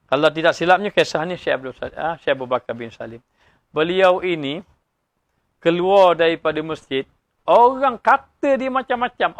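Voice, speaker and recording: A man with a Malaysian Malay accent giving a sermon-style religious lecture, lively and joking, with frequent "ah" fillers and sudden rises in pitch. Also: dry recording. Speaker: religious teacher.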